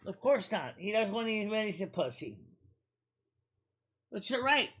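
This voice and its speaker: A woman hosts a casual livestream chat in a bright, forceful voice. She rambles and often repeats words as she works through her thoughts. Her pitch sits right in the middle. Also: big pitch swings, normal speed, husky. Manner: rambling, repeats words while thinking aloud. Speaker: host.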